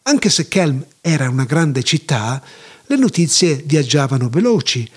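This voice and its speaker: A man reading a storybook tale aloud in a playful, animated way. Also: a little high, measured pace, slightly rough.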